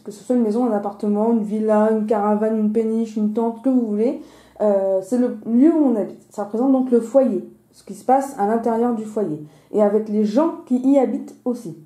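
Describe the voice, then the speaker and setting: A woman whose s sounds carry a slushy lisp hosts a weekly card-reading video, explaining casually. Her voice leans high and dark in tone, moving at a moderate pace, and the recording echoes around a roomy space.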